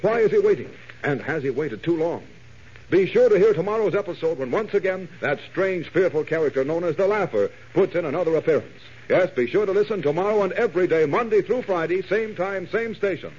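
A man narrates like an old-time radio announcer, dramatic and suspenseful. His voice is husky and a little high, on a muffled 1940s recording. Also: lively intonation, fairly quick, a little mellow.

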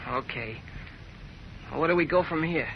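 Man playing high-voiced nervous teenage Jimmy Olsen. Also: moderate pace, lightly acted. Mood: cautious. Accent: American. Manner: hesitant, boyish. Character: nervous, earnest teenage boy cub reporter. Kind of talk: 1940s radio drama acting. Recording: muffled, noisy vintage radio recording.

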